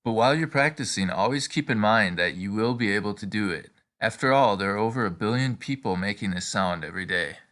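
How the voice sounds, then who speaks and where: A man's voice: lowish voice, expressive, a little fast, few pauses, a bit bright. A man narrating a scripted step-by-step pronunciation tutorial in an encouraging, instructional manner.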